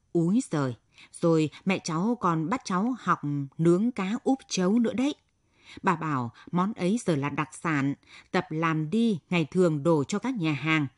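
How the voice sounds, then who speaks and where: Woman doing a cheeky young village woman, gushing chatter, husky tone, storybook reading. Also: lowish voice, no room sound, studio quality.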